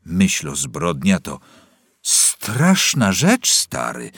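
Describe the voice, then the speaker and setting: A man voicing a frightened middle-aged prisoner who pleads loudly and sanctimoniously, close to tears. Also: low-pitched, huge pitch swings, extremely slow, vocal fry, husky, dry recording, exaggerated voice. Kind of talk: audiobook character voice.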